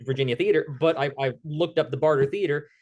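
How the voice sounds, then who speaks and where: A man's voice: on the high side, fast, darkish tone. A man co-hosting a podcast in casual chat, often stumbling and repeating words as he starts his sentences. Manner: stammering restarts, agreeable backchannels. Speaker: podcast co-host.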